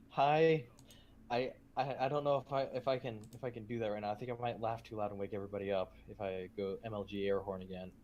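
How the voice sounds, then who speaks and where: A woman's voice: rumbling low, steady tone, brisk, darkish tone, dull audio. A woman gamer on voice chat, bantering in a teasing, playful way. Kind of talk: casual voice chat.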